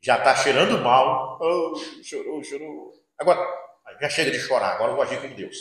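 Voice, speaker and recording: A man preaching a sermon in a church, swinging between loud outbursts and hushed asides and acting out the voices he quotes. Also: medium pitch, animated, fairly quick. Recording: very echoey church hall.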